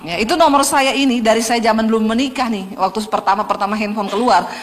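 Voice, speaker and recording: A woman's voice: a little high, fast, long reverb tail, slight background noise. A woman pastor, preaching a sermon as a humorous story told straight to the congregation.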